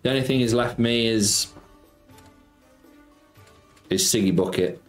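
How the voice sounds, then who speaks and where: A chatty slots streamer from Nottingham, England, hosts a casual live-stream chat from his indoor home streaming room, reading viewer messages aloud and greeting them with cheeky banter. His male voice is medium in pitch and a little slow. The room is echoey, with faint background music.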